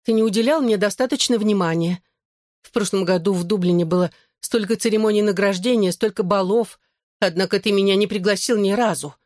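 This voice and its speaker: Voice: mid-range voice, a little fast, darkish tone, dry recording, clean studio sound, voice pushed up, natural voice. An audiobook reader voicing a jealous, reproachful young woman who hisses her complaints at her ex. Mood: resentful. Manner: reproachful, hissing. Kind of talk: audiobook character voice.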